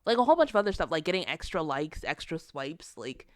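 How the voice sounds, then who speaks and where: A young woman with a phlegmy, under-the-weather voice, chatting on a podcast in a frank, loose way. Her voice sits a little on the low side, and the sound is close and dry. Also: big pitch swings, fast, no echo. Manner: candid and blunt, with casual swearing. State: sick with a cough. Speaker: podcast co-host. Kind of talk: casual chat.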